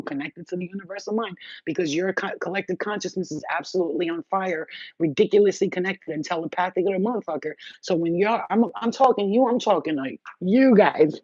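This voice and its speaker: A woman hosting a spiritual healing livestream talks bluntly and fervently, swearing freely as she addresses viewers directly and reads their comments aloud. Her voice is low, a little mellow and slightly rough, in a lo-fi recording without echo. The talk is spontaneous.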